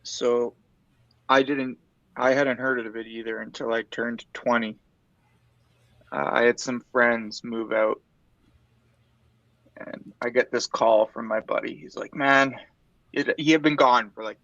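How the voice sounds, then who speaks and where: A man, chatting casually and telling a relaxed, rambling story with the odd swear word. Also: mid-range voice, measured pace, pauses often, no echo, dull audio. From Ontario, Canada. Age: 30s. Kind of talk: casual chat.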